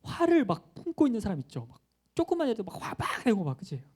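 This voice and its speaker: Mellow-voiced pastor preaching to children. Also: male voice, sits high, huge pitch swings, quick pace. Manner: playful, talks with children, acts out quotes. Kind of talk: children's sermon.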